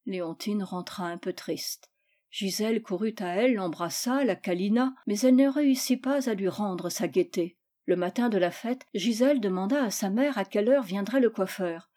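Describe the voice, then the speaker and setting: A woman reading a classic children's novel aloud in a measured, expressive storytelling manner. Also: medium pitch. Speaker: reader. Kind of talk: scripted narration.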